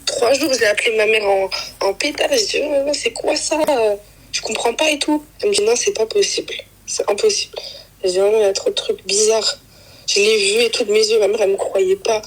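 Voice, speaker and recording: A woman's voice: on the high side, slightly rough, poor audio. A young woman casually telling a personal story, rambling with fillers and acting out quoted lines. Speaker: guest telling her story.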